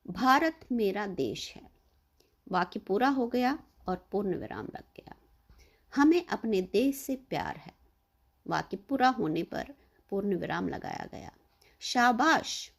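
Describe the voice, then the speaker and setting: A woman's voice: medium pitch, gravelly, breathy edge. A woman teaching a lesson to children, explaining patiently and stressing her example sentences.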